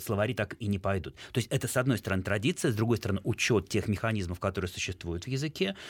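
A man speaking as a language expert on a radio call-in show, explaining at length and pausing often on fillers. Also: on the low side, expressive, husky, no echo.

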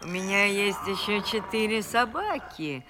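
A woman's voice: mid-range voice, expressive, measured pace, background noise. An actress voicing a fussy, cooing old woman who dotes on her cats, in a radio play. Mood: matronly. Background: music.

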